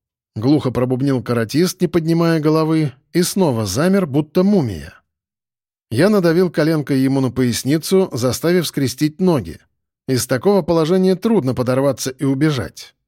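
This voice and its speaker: Steady male audiobook narrator. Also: on the high side, no echo, studio quality. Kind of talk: scripted first-person narration.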